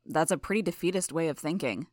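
A woman narrator reads a blunt young man who dismisses a gloomy view. The voice is low and plain, and the sound is dry. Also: fast talker, a little mellow, no echo. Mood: skeptical.

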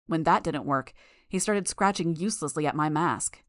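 A woman reading a first-person story aloud in a steady, measured way. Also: sits low, no echo, clean studio sound. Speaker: audiobook narrator. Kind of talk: first-person audiobook narration.

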